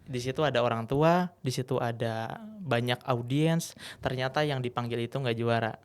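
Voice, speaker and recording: A man's voice: mid-range voice, moderate pace, clear, resonant tone. A man, a guest speaker and MC, telling stories in a casual podcast chat and acting out the scenes. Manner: lively storyteller, acts out scenes.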